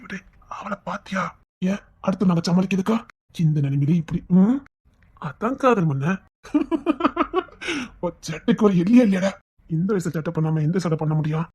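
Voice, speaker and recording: Husky woman acting out a family serial. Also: mid-range voice, lively intonation, normal speed, a bit bright. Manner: switches between brotherly scolding and tender coaxing. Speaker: storyteller voicing a whole family.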